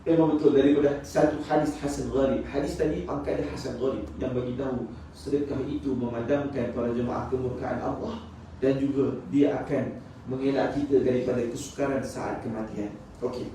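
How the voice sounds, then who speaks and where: A man's voice: medium pitch, a little fast, far from the mic, slight background noise. A man with a Malaysian Malay accent preaching to a congregation in a mosque, telling funny stories and teasing his listeners. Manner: humorous, lively storytelling, teasing the congregation. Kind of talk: mosque talk. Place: mosque prayer hall. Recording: echoey hall from afar.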